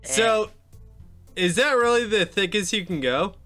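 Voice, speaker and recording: A man's voice: high voice, lively intonation, unhurried, bright, forceful tone, soft background music. A man bantering casually as he co-hosts a visual novel playthrough, with a teasing manner. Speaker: let's player, co-host.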